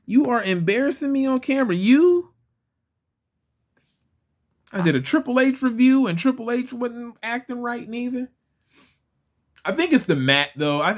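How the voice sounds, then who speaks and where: A man vlogging a casual toy figure review, chatty and rambling, often restarting his sentences. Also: a little high. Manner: chatty, rambling, self-correcting.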